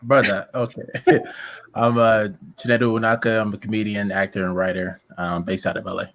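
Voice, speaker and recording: A man's voice: fairly low pitch, level tone, fairly quick, gravelly, a bit bright. A man who works as a comedian, telling laid-back anecdotes on a video-call panel and laughing at them. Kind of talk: casual panel chat.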